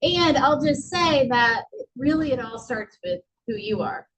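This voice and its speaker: Woman trainer, slightly high voice, loose rambling delivery, faint background noise. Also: expressive, unhurried, fairly bright tone, low-quality recording. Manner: loose and rambling, with many fillers. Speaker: workshop presenter. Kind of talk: casual office training talk.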